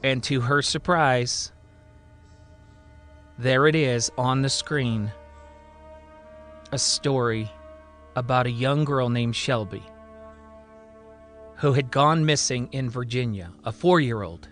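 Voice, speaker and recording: A podcast storyteller, a man, narrates a scripted dramatic story with theatrical, emphatic, suspenseful delivery. His medium-pitched, fairly bright voice moves slowly with long pauses, and faint music plays behind him.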